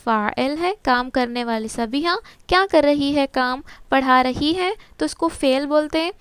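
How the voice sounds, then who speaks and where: This is a woman teaching a grammar lesson from a textbook, her voice pitched high and recorded close with no room sound. She asks each question and then answers it herself, patiently, and mixes English words into her Urdu. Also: fairly bright tone, no room sound. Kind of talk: explaining a textbook to students.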